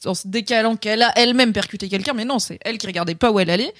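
A woman cohosts a casual podcast, talking her thoughts through and often rephrasing as she goes. Her voice sits at a middle pitch, and the recording is close and dry. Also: racing, fairly bright tone, dry recording. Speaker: podcast co-host. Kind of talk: casual chat.

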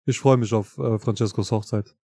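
A man's voice: fairly low pitch, steady tone, normal speed, vocal fry, warm tone, breathy edge, dry recording, clean studio sound. A man from Kosovo in easygoing podcast chat, explaining things at length. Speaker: podcast co-host.

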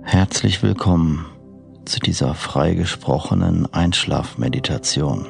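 Deep, slow man narrating sleep meditation. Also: gravelly, soft background music. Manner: hushed, unhurried sleep story narrator delivery with long pauses. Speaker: podcast host and meditation narrator.

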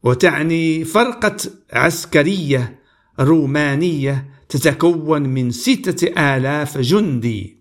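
Guy reading bible stories slow and careful, kinda higher voice, sermon vibe. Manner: measured, deliberate reading with pauses. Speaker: preacher.

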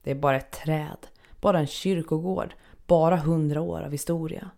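A woman reading a first-person story aloud in a measured, unhurried, somber manner. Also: deep voice, steady tone, vocal fry, warm tone. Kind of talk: first-person scripted narration.

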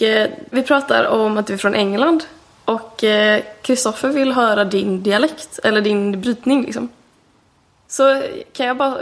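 A woman in her twenties, a podcast guest telling stories in casual chat with quick tangents. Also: on the high side. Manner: chatty storyteller, quick tangents.

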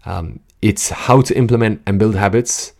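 Low-voiced man hosting a casual podcast. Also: moderate pace, creaky, a little mellow. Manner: informal, chatty, goes off on tangents, addresses listeners directly. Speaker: podcast host, coach. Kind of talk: casual solo podcast talk with scripted opening. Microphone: studio podcast microphone.

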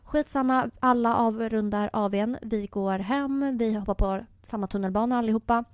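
A woman's voice: on the high side, smooth, no room sound, clean studio sound. A young woman hosting a podcast, telling a story in casual chat and quoting people in put-on voices. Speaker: podcast host.

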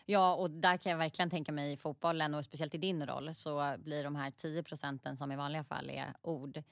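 A woman's voice: sits low, steady tone, vocal fry, dry recording, studio quality. A woman interviewer asking probing, encouraging questions.

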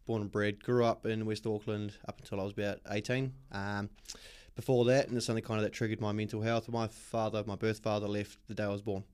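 A man with a New Zealand accent speaks as a podcast guest, open and reflective as he talks through his upbringing. He often pauses on an um. His voice sits on the lower side. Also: flat delivery, darkish tone, clean tone. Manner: open, reflective, many ums. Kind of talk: personal storytelling in an interview.

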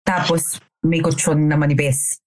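A woman's voice: low voice, fairly even intonation, unhurried, darkish tone, a little hiss or hum. A woman around thirty telling a frank, profane story with many fillers in a casual podcast chat. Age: 30s. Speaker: podcast co-host.

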